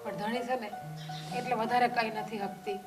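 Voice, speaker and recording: An actress playing a young village sister-in-law who pleads earnestly, with a Kathiawadi Gujarati accent. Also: female voice, on the high side, steady tone, moderate pace, lightly acted. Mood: pleading. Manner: pleading, apologetic. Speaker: actor. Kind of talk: village family drama acting. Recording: distant voice over loud music.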